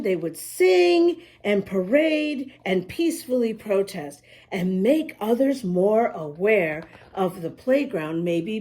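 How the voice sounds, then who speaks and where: Reading aloud to little kids with expressive asides, a woman explains the story as she goes, emphatic and sing-song. She has a slightly mellow, mid-range voice.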